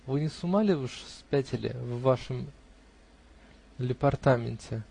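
A man's voice: mid-range voice, normal speed, vocal fry, warm tone, breathy edge. A man voicing an insolent young male official who needles and mocks with heat. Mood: needling.

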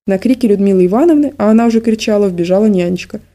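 A woman narrating an audiobook in the first person. Her delivery is measured and even, and her voice is mellow and dark. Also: mid-range voice.

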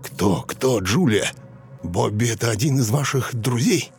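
A man voicing a calm middle-aged doctor patiently questioning a patient in an audiobook. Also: medium pitch, measured pace, husky, soft background music, exaggerated voice. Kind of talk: audiobook reading.

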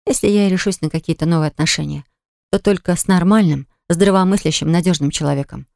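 A woman's voice: on the low side, fast, creaky, darkish tone, no echo, clean studio sound. A woman voicing a hurt young woman who answers her ex-fiancé in a cutting, reproachful way, in an audiobook. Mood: cold. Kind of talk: audiobook dialogue reading.

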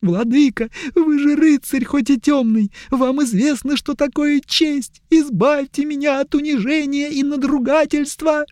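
A man voicing a highborn young male elf prisoner who pleads plaintively, close to tears. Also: steady tone, unhurried, few pauses, a little mellow, no echo. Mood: pleading. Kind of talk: audiobook character voice.

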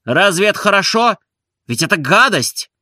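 A lazy, fussy gentleman scolds in a raised, shrill voice, as a male reader puts him on. His impatience jumps all over the pitch and punches up the loudness. The tone is bright and sharp. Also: big pitch swings, normal speed, dry recording, clean studio sound, full character voice. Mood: scolding.

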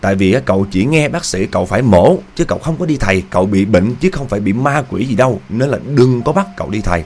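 A man's voice: fairly low pitch, fast talker, hardly any pauses, slight background noise. A man telling a horror story to viewers in a casual, emphatic way. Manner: animated, emphatic repetition.

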